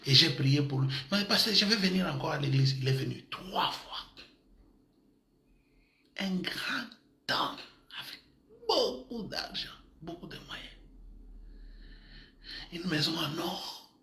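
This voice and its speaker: Animated pastor with a bright voice. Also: male voice, on the high side, takes it slowly, gravelly, pauses often, reverberant, a little hiss or hum. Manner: lively, mixes in Lingala and Tshiluba words, laughs often. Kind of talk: animated sermon. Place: church in Madrid.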